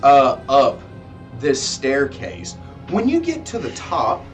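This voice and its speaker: A man's voice: medium pitch, wildly swooping pitch, takes it slowly, soft background music. A man running a tabletop game as game master, giving descriptive narration with some fillers, heard from a distance.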